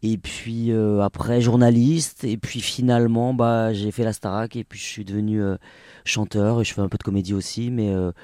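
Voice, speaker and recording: A Basque native speaker in his forties from the French Basque Country, a singer and actor, chats casually as an interview guest, with many hesitations and restarts. His voice is fairly low, warm and level, at a moderate pace, recorded in clean studio quality with no echo.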